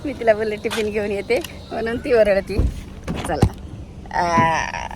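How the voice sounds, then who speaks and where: A woman's voice: mid-range voice, unhurried, reverberant. A young woman chatting on a family vlog, talking to viewers and coaxing her toddler along. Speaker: family vlogger. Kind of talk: casual family vlog chat. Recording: phone video with clear street noise.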